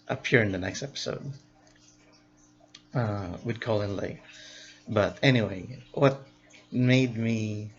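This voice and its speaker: A man, a vlogger, giving a casual review of show episodes, unhurried and thinking aloud. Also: fairly low pitch, vocal fry, muffled recording.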